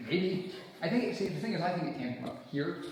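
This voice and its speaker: Fast-talking man in a very echoey space. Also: on the high side, lively intonation. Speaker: cave researcher. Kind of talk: casual informal explanation. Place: inside a cave. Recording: very echoey, noisy cave.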